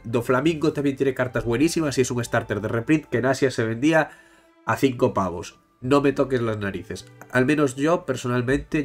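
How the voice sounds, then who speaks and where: A man from the host's seat of a casual card-game channel speaks in a Spain accent at a middling pitch. His nose is blocked by a bad cold, so he pauses to catch his breath. Music plays behind him. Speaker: YouTube host.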